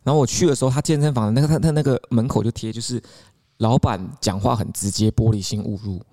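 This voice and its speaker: A man with a Taiwanese Mandarin accent, co-hosting a podcast with an easy, chatty delivery. He tells his story quickly and often breaks into laughter. His voice sits at a middle pitch. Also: mellow. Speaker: podcast co-host. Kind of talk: casual chat, storytelling.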